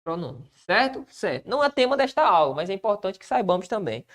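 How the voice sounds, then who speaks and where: A man teaching a Portuguese lesson for exam prep, lively, with frequent tag questions he answers himself and words drawn out slowly for emphasis. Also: high voice. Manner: asks and answers his own tag questions.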